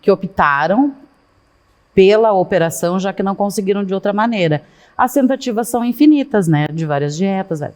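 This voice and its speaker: A middle-aged woman, a guest in a casual interview, talking at length and in an animated way with many asides. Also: mid-range voice, a little fast. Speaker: guest, fashion consultant.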